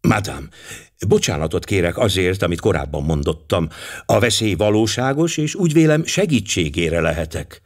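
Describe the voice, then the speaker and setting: A man voicing a precise, formal older male detective with a measured delivery. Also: low voice, animated, voice pushed down.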